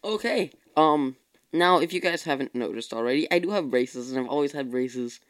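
A tired young man hosts his own solo podcast, chatting casually and rambling while often correcting himself. His voice is medium in pitch and animated, at a normal speed.

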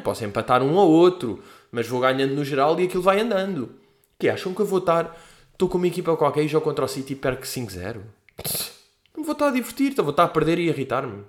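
A man in his twenties with a European Portuguese accent, casually talking through a solo podcast, slangy and profane, acting out the people he quotes. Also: on the high side. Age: 20s. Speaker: podcast host. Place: at home. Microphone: podcast microphone.

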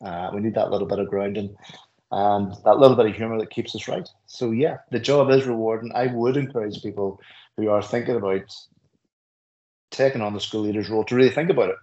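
A man's voice: lowish voice, steady tone, fairly quick, warm tone, highs cut off. A middle-aged Northern Irish man, a school principal, speaking earnestly and telling anecdotes in an interview, often restarting his phrases. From Northern Ireland. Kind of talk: reflective interview conversation.

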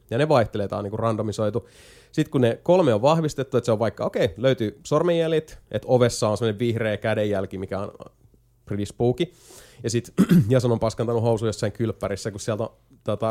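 A man at an ordinary middle pitch talks casually as a podcast host. He rambles through a game explanation and keeps stopping on hesitation fillers. He slips in jokey asides along the way. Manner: jokey, lively storytelling. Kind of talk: casual chat.

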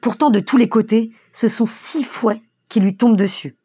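Brief: woman audiobook narrator, husky, expressive, dry close mic. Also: a little high, normal speed, dry recording. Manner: vivid, expressive storytelling.

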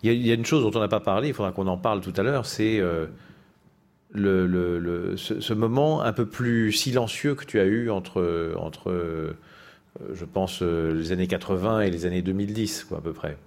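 A man with a fairly low voice moderates a live discussion. He speaks informally, in hesitant, conversational phrases. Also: normal speed, a little mellow.

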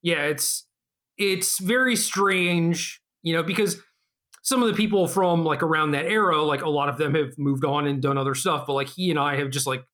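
A man with a somewhat high, very bright and forward voice hosts a podcast. He talks in a casual, conversational style. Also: normal speed. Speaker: podcast host.

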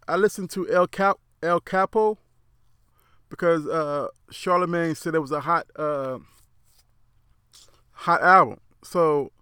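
A man's voice: a little high, fairly bright tone, smooth, dry recording, clean studio sound. Man with a lisp, rambling opinions. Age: adult. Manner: rambling, repeats words, frank and opinionated. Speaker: commentator. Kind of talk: casual opinion monologue.

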